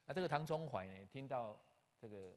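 An older man, a pastor, telling a personal story in an animated way, acting out conversations and dropping in English terms. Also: medium pitch, brisk, background noise. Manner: animated, acts out dialogue, scattered English terms. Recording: long hall reverb.

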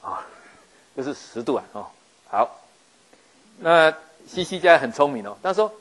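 A man's voice: fairly high pitch, animated, a little slow, fairly bright tone. A middle-aged man with a Taiwanese Mandarin accent preaching a sermon, retelling Bible stories in a chatty, joking way and acting out the quotes. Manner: playful, chatty, jokes and acts out quotes.

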